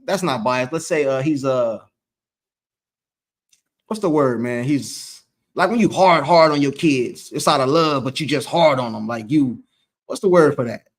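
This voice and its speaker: A man's voice: medium pitch, a little slow. A man hosting a loose, rambling sports talk show, reading from a live chat. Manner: loose, rambling, repeats himself. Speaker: host.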